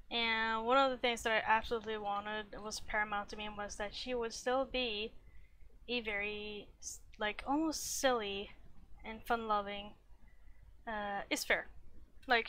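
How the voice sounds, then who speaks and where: A woman's voice: a little high, bright, forceful tone. A woman streamer chatting casually on a livestream, rambling with lots of fillers and restarts, a little out of breath. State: slightly out of breath.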